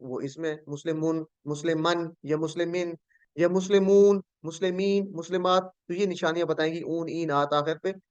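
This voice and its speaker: A man's voice: on the high side, little pitch movement, moderate pace, clear, resonant tone, dry recording, dull audio. A man teaching a Quran and Arabic grammar lesson in an online class, speaking with a flavor, patiently repeating words and quizzing his students.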